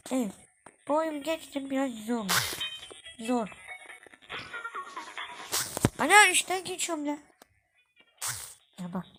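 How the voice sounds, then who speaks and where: A woman hosting a casual gameplay video, talking through a phone game and breaking into frustrated, excited exclamations. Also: high voice, unhurried, heavy background noise. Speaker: gameplay channel host. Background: background music.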